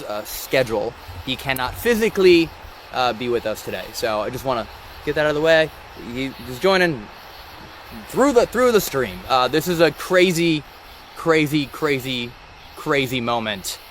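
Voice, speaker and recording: A man hosting a live-stream vlog outdoors, talking in an excitable, rambling and emotional way. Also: mid-range voice, slight background noise. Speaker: ghost-hunting channel host. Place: outdoors by a rock wall during a thunderstorm. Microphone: phone or camera on a live stream.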